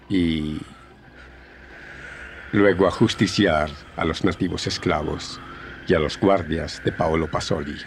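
An actor playing a noble, fearless, serene hero in a radio adventure serial, solemn and declamatory. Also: male voice, sits low, vocal fry, a little hiss or hum, heavily acted.

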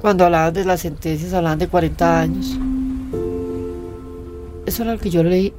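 A woman's voice: fairly low pitch, normal speed, music in the background. A woman recounting a personal story and acting out the quoted voices. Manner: acts out quoted voices, lively retelling. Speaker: interviewee telling her story.

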